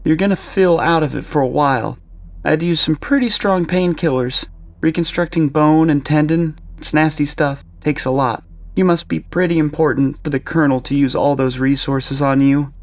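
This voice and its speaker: A man voicing a brisk, sharp-tongued female military doctor in a storybook narration. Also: fairly high pitch, voice pushed up, lightly acted. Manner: scolding, blunt.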